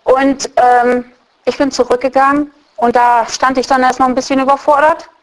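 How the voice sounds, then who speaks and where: A middle-aged woman telling a personal faith story in a lively way, often voicing her own thoughts. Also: sits high, normal speed, poor audio. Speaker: testimony speaker.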